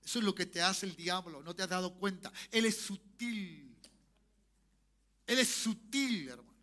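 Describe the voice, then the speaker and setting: A man preaching a sermon as pastor, shifting from soft talk to shouted calls for amen. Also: high-pitched, a little slow. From Chile. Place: church sanctuary.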